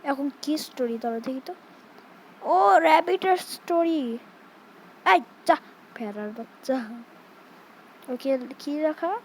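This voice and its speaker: A young woman from Bangladesh plays a horror game and talks to her viewers as she goes. Her voice is high and her pace is slow, and she scolds the game baby between jumpy yelps. Faint noise runs underneath. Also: lively intonation, a little mellow, rough recording. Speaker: gaming streamer. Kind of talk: casual horror game commentary.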